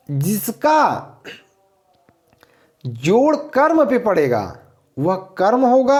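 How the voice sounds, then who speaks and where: Slow, lively male grammar teacher. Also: sits high. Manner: explains slowly, repeats answers, asks and answers own questions. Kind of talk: grammar lesson.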